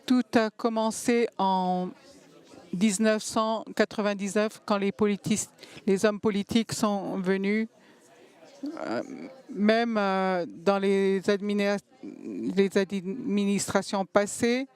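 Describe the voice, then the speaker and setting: Slow, halting woman interpreting a talk. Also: medium pitch, steady tone, a little mellow, clean tone. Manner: halting, pausing to find words. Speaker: simultaneous interpreter. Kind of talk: simultaneous interpretation of a panel talk.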